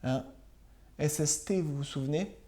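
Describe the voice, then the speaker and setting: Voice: medium pitch, measured pace, mellow. A primary school teacher giving a recorded lesson to pupils at home, patiently spelling words out letter by letter and often checking that they follow.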